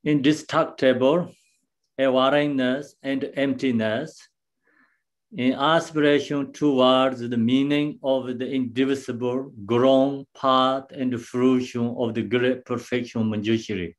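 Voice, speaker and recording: A man giving a dharma teaching as a Buddhist teacher, explaining patiently in simple, non-native English phrasing, with many pauses and restarts. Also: medium pitch, steady tone.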